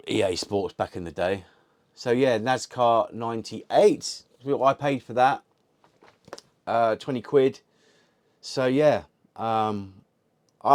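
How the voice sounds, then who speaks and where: A man's voice: on the low side, darkish tone, dry recording. A man hosting a retro gaming channel, chatting casually to camera in a rambling way, swearing constantly and restarting sentences. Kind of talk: casual unboxing chat to camera.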